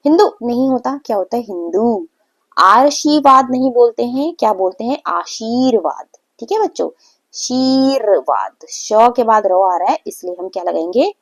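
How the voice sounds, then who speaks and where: A young woman teaching a grammar lesson to children, patient, repeating words slowly and often checking in with the class. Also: on the high side, animated, dark tone. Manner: frequent "theek hai" check-ins.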